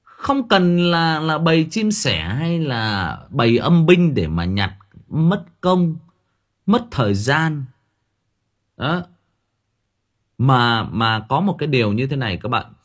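Chatty husky man joking to viewers. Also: mid-range voice, big pitch swings, takes it slowly, long pauses. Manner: chatty, jokey, with many fillers. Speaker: livestream seller and storyteller. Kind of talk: casual comic story retelling to viewers.

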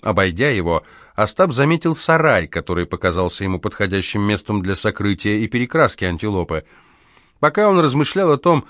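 A man narrating a novel in an even, measured storytelling manner. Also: lowish voice, no room sound, studio quality. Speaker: audiobook narrator. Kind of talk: scripted narration.

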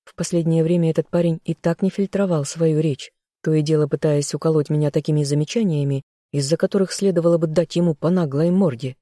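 A calm, measured storyteller reading a first-person romance. The voice is dark and mellow, and the recording is close and dry with no room sound. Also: mid-range voice, no echo. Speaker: audiobook reader. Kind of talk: scripted first-person narration.

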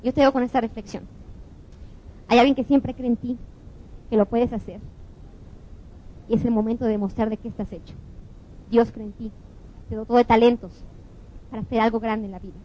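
An earnest woman gives a motivational talk to a live audience. Her voice sits a little high for a woman. She tells her stories with feeling. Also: steady tone, fairly quick, long pauses, muffled recording, slight background noise. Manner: earnest, tells stories acting out the people in them. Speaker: motivational speaker.

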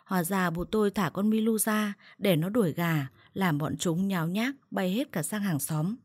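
Woman reading a family drama story, husky low voice, dry close mic. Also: moderate pace, no room sound. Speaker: narrator. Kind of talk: scripted first-person storytelling.

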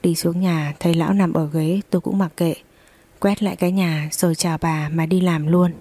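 A woman's voice: lowish voice, steady tone, moderate pace, mellow. A young adult woman narrating a first-person story and voicing every character herself.

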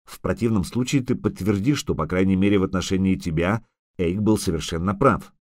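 A man's voice: deep voice, brisk, darkish tone, lightly acted. A man voicing a haughty female sorceress who speaks in a cutting, commanding way. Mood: sharp.

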